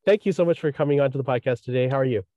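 Mellow-voiced man hosting a podcast. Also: medium pitch, very fast, no room sound, lo-fi sound. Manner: rambling, friendly questions full of "you know". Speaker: podcast host. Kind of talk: casual interview conversation.

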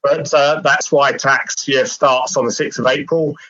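A man on a panel, explaining rules in steady detail. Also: mid-range voice, a little slow, no room sound. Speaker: panel expert. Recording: dry, dull lo-fi sound.

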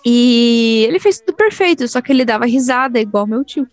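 High-voiced woman telling animated stories. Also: brisk, no room sound, soft background music. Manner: animated storyteller, acts out voices in her anecdotes. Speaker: podcast co-host. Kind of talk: casual chat among friends.

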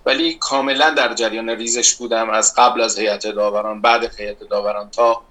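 A man's voice: on the low side, steady tone, bright, forceful tone, low-quality recording. A middle-aged architect from Iran answering interview questions, emphatic and insistent as he dismisses rumors. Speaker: architect guest, competition organizer.

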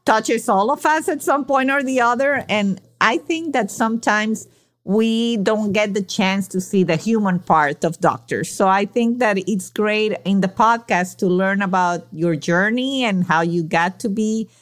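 A woman's voice: medium pitch, measured pace. Curious woman podcast host interviewing a guest. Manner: curious, inviting questions. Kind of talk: interview conversation.

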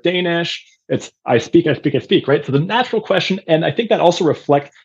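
Husky-voiced male teacher on a dull call line. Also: on the high side, lively intonation, a little fast. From Austria. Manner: thoughtful, with frequent uh fillers. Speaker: guest, language teacher. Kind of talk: casual interview chat.

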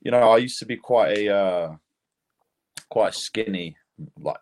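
A man's voice: on the low side, unhurried, a little mellow. A young man from Lithuania with a British accent, a fighter telling his story in a casual podcast interview, rambling and laid-back with lots of fillers. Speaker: mixed martial arts fighter, guest.

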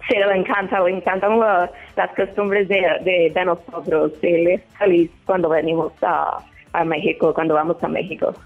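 A woman from Mexico calling in to a radio show, excited and hesitant, slipping into English words. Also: on the low side, normal speed, faint music behind. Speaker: caller. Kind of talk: phone call to radio show. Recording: tinny phone line.

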